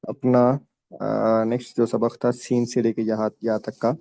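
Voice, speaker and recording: A man teaching a children's tajweed class, stretching each letter slowly and explaining patiently in with mixed in. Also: medium pitch, little pitch movement, gravelly, mellow. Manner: slow, drawn-out letter pronunciation with patient explanations. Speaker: Quran recitation teacher.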